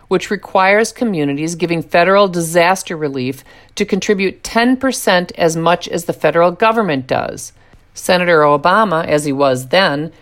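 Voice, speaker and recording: A woman reading scripted political commentary in a sarcastic, mocking manner. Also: on the low side.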